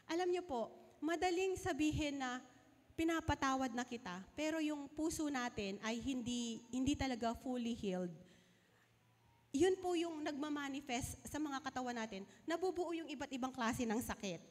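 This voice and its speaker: High-voiced Filipina pastor preaching. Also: female voice, lively intonation, normal speed. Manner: earnest, asks the congregation questions. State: recovering from a fever. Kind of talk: sermon. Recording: long hall reverb.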